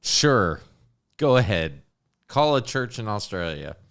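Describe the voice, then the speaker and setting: Low-voiced man joking on a podcast. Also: very animated, slow pace, a bit bright. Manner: joking, mock-exasperated. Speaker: podcast host. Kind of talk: casual chat.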